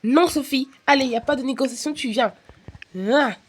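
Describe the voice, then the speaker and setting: A woman's voice: high-pitched, fast, raised voice, very noisy. A woman vlogger narrating a family role-play and speaking as the mother in a casual, chatty way.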